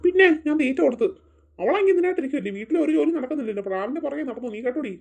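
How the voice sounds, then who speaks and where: A woman's voice: sits high, animated, rapid-fire, a little mellow. A woman voicing a grumpy middle-aged father who nags his wife in a family skit. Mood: grumbling. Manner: nagging, complaining.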